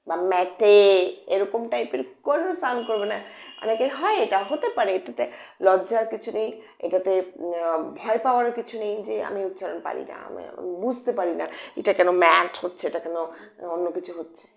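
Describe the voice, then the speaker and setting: A woman's voice: medium pitch, vocal fry. A woman teaching English phonics to children in Bengali with a Bengali accent, patiently repeating key points and asking her pupils questions. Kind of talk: explanatory lesson for children. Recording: echoey room.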